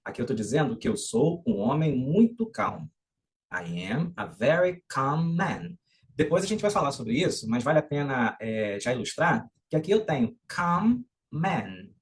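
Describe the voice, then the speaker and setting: A Brazilian man teaching an English lesson. He explains patiently with many fillers and says the example sentences slowly and carefully. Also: medium pitch.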